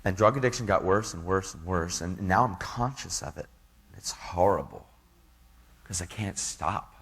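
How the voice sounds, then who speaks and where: A man's voice: deep voice, normal speed, gravelly, a bit bright, slightly rough. A man giving an earnest, casual testimony in a preaching style, full of slang.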